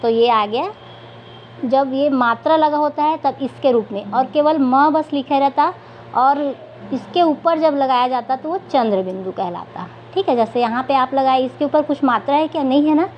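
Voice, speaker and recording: A woman teaching a reading lesson to young children, asking questions and answering them herself, sometimes drawing words out slowly as she reads aloud. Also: sits high. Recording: dull lo-fi recording with faint noise.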